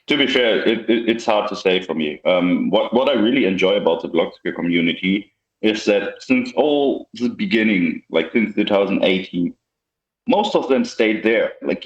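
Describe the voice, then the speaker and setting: Young male guest, low voice, casual and rambling, echoey muffled call audio. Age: young adult. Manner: casual, many likes and restarts. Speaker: guest software developer. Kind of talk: casual interview chat.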